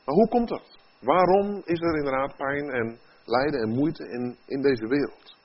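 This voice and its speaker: A man's voice: mid-range voice, normal speed. A man preaching a sermon in an earnest way, his voice rising into emphatic questions. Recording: dull lo-fi recording.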